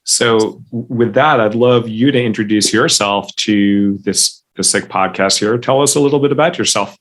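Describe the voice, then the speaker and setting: A man hosting a podcast interview, asking questions in a friendly, halting way with frequent restarts. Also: fairly low pitch, fairly bright tone. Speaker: podcast host. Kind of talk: casual interview conversation.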